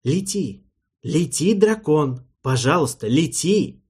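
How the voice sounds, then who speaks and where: A man reading an audiobook voices an eager, joyful young human king who talks in an enthusiastic, cheering way, with a husky voice. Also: on the high side, big pitch swings, slow pace, darkish tone, heavily acted. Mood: urgent. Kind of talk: audiobook character voice.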